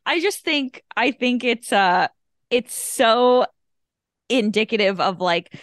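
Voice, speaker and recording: A young woman co-hosting a podcast in casual chat, easygoing and quick to laugh, often trailing off mid-thought. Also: on the high side, lively intonation, no room sound, studio quality. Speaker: podcast co-host.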